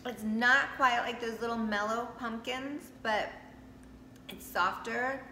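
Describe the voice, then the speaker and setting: A woman's voice: a little high, slow pace, bright, forceful tone. A middle-aged woman, the vlogger's mother, chatting enthusiastically about candy while chewing, trailing off mid-sentence. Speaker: vlogger's mother, guest taster. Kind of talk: casual taste-test chat. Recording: echoey room with clear background noise.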